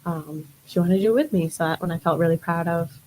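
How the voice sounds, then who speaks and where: Low-voiced young woman, rambling chat. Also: quick pace, darkish tone, a little hiss or hum, low-quality recording. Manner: rambling, many fillers. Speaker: guest, model. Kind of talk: casual interview chat.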